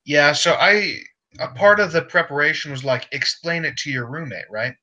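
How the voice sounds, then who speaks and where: A man's voice: on the high side, normal speed, bright, forceful tone, muffled recording. A man in a casual study-group video call, explaining things loosely and hesitantly as he thinks aloud.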